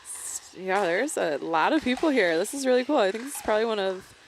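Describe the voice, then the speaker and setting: A woman giving live, excitable sports commentary from an indoor gym. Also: mid-range voice, vocal fry, a little hiss or hum, poor audio. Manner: chatty, excitable, quick to laugh. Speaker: color commentator.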